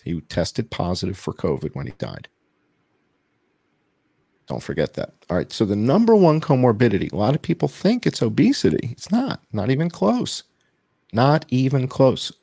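A man's voice: mid-range voice, gravelly, dark tone, slightly rough, no room sound, clean studio sound. A man speaking over a video call as an interview guest, walking through data slides and repeating his main points for emphasis. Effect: heard over a video call. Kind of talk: explanatory interview talk.

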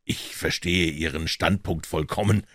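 A man's voice: low-pitched, unhurried, fairly bright tone, no room sound. A man reading a cool, dry, ironic detective. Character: calm, dryly ironic male detective.

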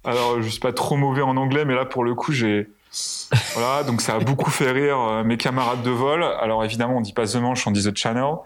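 A man's voice: mid-range voice, fairly even intonation, fairly quick. A male pilot telling flight anecdotes in a casual interview, hesitant with many fillers and restarts. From France. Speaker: pilot guest.

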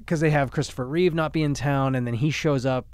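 A man's voice: medium pitch, steady tone, quick pace, a little mellow, smooth, dry recording. A man co-hosting a casual movie podcast, talking loosely and laughing often. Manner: chatty, profane, laughs often. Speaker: podcast co-host.

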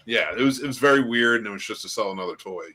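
A middle-aged man on a film podcast panel chats casually about movies, ranting in exasperation and swearing freely. His lowish voice comes out rapid-fire, pushed and bright.

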